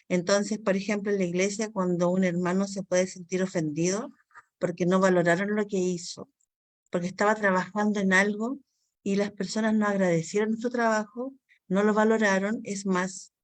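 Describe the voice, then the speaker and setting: A woman from Chile with a Chilean accent, teaching a Bible counseling class in an earnest, apologetic way and acting out everyday dialogue as examples. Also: mid-range voice. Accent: Chilean Spanish. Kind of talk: online course lesson.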